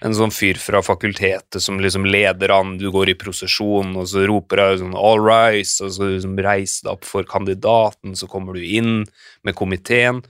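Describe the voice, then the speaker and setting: Low-voiced man, reflective and hesitant. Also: level tone, a bit bright, smooth, no room sound, clean studio sound. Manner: reflective, hesitant with frequent fillers. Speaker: podcast guest. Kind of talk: casual conversation.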